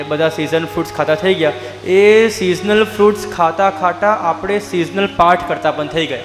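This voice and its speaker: A man's voice: high-pitched, fairly bright tone. A man preaching a devotional katha sermon, telling stories and asking the audience direct rhetorical questions. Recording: echoey hall with long reverb, faint music.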